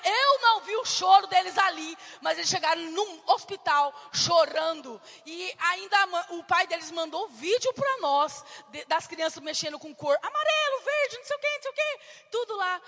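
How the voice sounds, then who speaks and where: High, fervent woman preacher. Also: animated, normal speed, in a large hall. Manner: fervent, emphatic testimony with sudden shouts. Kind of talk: sermon. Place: church hall.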